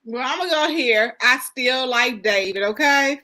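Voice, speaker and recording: A woman co-hosting a casual chat show, animated and emphatic in her arguments. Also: sits high, measured pace. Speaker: co-host.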